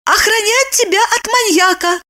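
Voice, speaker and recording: A woman voicing a theatrical, cunning young wife with a high, whiny, melodramatic voice. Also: moderate pace, pushed and bright. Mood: pleased.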